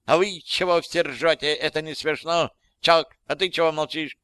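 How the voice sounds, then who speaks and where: A spiteful teenage girl shrieks in panic, her voice jumping high and loud, as a man reading a story puts her on. The sound is bright and crisp, close and dry. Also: steady tone, normal speed, no room sound. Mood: shrill panic.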